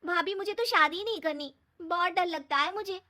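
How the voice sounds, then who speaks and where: A woman's voice: extremely high pitch, normal speed, pushed and bright, voice pushed up. A woman voicing an anxious, earnest young bride-to-be in a moral story cartoon. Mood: worried. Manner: earnest, pleading. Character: timid young sister-in-law, anxious, earnest, outspoken.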